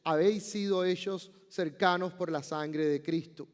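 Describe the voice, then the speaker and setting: A male pastor preaching a sermon, building from calm explanation to emphatic, slowed outbursts. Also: high voice. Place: church sanctuary. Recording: long church reverb.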